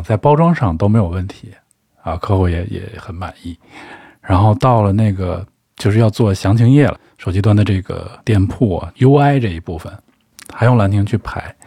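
A man's voice: sits low, darkish tone, husky, no echo, studio quality. A man hosting a podcast, asking curious questions and telling anecdotes in a casual tone. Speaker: podcast host.

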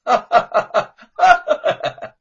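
A man's voice: very high-pitched, wildly swooping pitch, drawn-out words, creaky, breathy edge, lo-fi sound, pitched above the performer's own voice, heavily acted. A man voicing a gloating, spoiled young lordling who sneers and cackles at his rival in a storybook tale.

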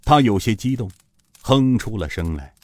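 A male narrator tells the story in a fairly low voice that rises and falls freely. He shapes each sentence with expressive, storytelling emphasis. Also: normal speed, no echo. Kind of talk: audiobook narration of a martial-arts novel.

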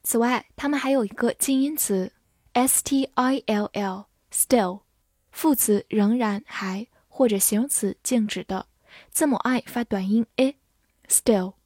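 A woman teaching English vocabulary in Mandarin, spelling each word out letter by letter and reading the example sentences slowly and carefully. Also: on the high side, a little mellow, dry recording, studio quality. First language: Mandarin Chinese. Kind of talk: scripted vocabulary lesson.

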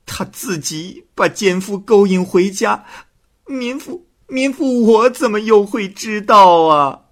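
A man voicing a shrill, defensive middle-aged village woman who wails and stammers her protests, in a storytelling reading. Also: lively intonation, slow pace, heavily acted. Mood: wailing.

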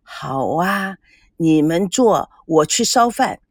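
A warm old village grandmother in an audiobook, played by a woman narrator speaks softly and dotingly. The voice is breathy and husky, recorded close and dry. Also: fairly low pitch, expressive, slow pace, dry recording, pitched below the performer's own voice, full character voice.

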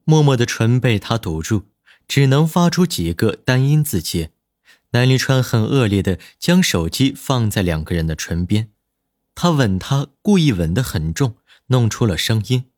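A man narrating a romance audiobook in an expressive, storytelling manner at a close studio mic. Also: mid-range voice, normal speed, no room sound. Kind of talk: scripted dramatic narration.

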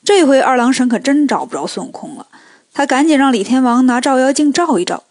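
A woman storyteller narrating a children's tale in a lively, colloquial way with joking asides. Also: high voice, brisk, no echo.

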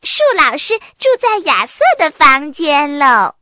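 A woman's voice: extremely high pitch, sing-song, unhurried, sharp tone, no room sound, clean studio sound, voice pushed up, heavily acted. A woman voicing a cheeky little girl aardvark who teases her older brother in a sing-song way. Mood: teasing.

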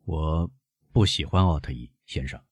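A man's voice: rumbling low, husky, dry recording, full character voice. A man voicing a shaken middle-aged prosecutor who halts and stammers, in an audiobook reading of a classic novel. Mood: strained. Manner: halting, stammering.

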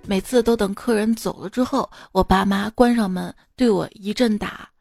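A woman's voice: medium pitch, normal speed, creaky, darkish tone, no room sound, soft background music. A woman hosting a podcast, reading out funny anecdotes and laughing at her own jokes. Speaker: podcast host.

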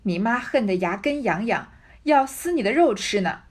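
A woman voicing a greedy, stubborn old female servant who scolds loudly in a read-aloud classic novel. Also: mid-range voice, lively intonation, normal speed, close to an everyday voice. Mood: scolding.

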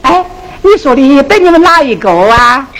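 Sichuan opera innkeeper, mocking and singsong, lively pitch, hissy old film audio. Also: normal speed. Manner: mocking, scolding, sing-song delivery. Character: sharp-tongued comic innkeeper scolding a poor scholar. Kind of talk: Sichuan opera stage acting. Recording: noisy 1970s film soundtrack.

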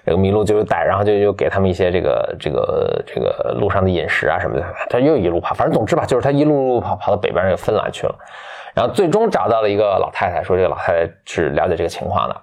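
A man casually retelling a fairy tale from memory, loose and halting, with many restarts and fillers. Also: deep voice, big pitch swings, gravelly, darkish tone. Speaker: storyteller.

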